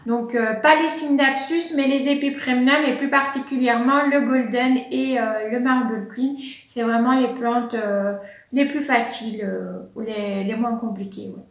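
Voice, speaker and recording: A woman's voice: on the high side, steady tone, measured pace. A woman chatting casually to camera at home, a plant vlogger who fills her talk with little hesitations and laughs. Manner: chatty, many fillers and laughs. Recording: echoey room.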